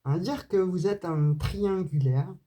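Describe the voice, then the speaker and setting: Speaking a little slowly in a fairly low, dark voice, an astrology and tarot reader with a southern French accent chats casually through a card reading for her viewers. She hesitates a lot and drifts into asides as she talks to camera.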